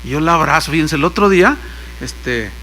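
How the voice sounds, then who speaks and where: An older man preaches a sermon in a high, bright voice. He tells stories and acts out the lines of the people in them. A faint mains hum sits under the recording. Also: expressive, brisk. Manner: storytelling, acts out quoted lines. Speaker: pastor.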